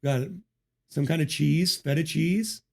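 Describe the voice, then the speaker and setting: A man with a fairly high yet darkish, creaky voice speaks slowly while streaming a game. Chatting casually, he greets his viewers, jokes, and swears frequently into a desk mic with noise removal.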